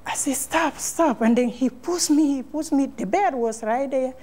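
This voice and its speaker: A high-voiced woman with a warm tone recounts an ordeal as an interviewee. She gives an emotional personal account, speaking haltingly, repeating phrases, and using non-native English grammar.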